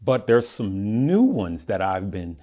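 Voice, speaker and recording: An American man with a fairly low voice speaks casually to his online audience. His words come out a bit garbled, as he has stitches in his mouth after dental surgery. He stays emphatic and familiar, often repeating a phrase to drive it home. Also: big pitch swings, slow, dark tone. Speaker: investing video host. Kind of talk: casual direct-to-audience vlog talk.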